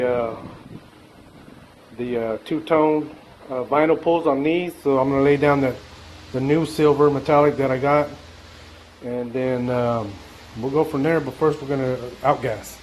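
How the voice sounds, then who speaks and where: A man's voice: mid-range voice, a little mellow, a little hiss or hum, poor audio. A man narrating his own workshop vlog in a loose, chatty way, with many fillers and restarts. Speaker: DIY vlogger.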